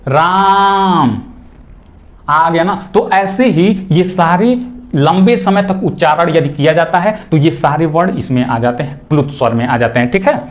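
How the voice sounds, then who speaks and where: A man's voice: a little high, moderate pace. A male teacher giving an exam-prep grammar lecture, repeating key words, asking questions he answers himself and drawing vowel sounds out long to demonstrate them.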